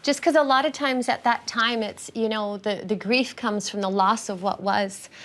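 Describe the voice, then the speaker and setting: A woman giving a reflective inspirational talk in earnest, halting, abstract phrases. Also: medium pitch, steady tone, a bit bright. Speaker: co-speaker.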